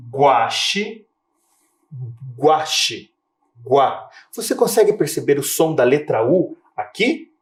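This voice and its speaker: A man teaching a recorded video lesson to children. He stretches out example words slowly and keeps checking in with short tag questions. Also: a little high, darkish tone. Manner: slow, drawn-out spelling of example words. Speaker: primary school teacher.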